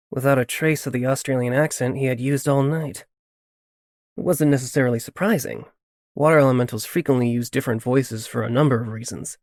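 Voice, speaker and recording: A man narrates a fantasy audiobook in the first person, telling the story in a steady, even way. His pitch is middling, and the recording is dry and close with no room sound.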